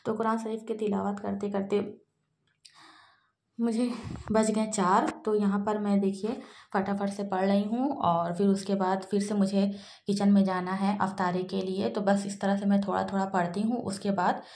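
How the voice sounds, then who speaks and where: A woman's voice: medium pitch, flat delivery, moderate pace, a little mellow, echoey room. A woman in her thirties, a mother, narrating her daily vlog in a plain, homely way with many fillers.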